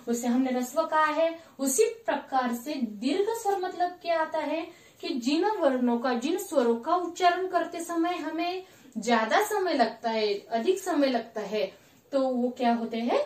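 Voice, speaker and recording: A woman's voice: high-pitched, darkish tone. A woman teacher giving a grammar lesson, repeating points and asking questions that she answers herself. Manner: slow, repetitive, asks questions and answers them herself. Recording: echoey room, voice from a distance.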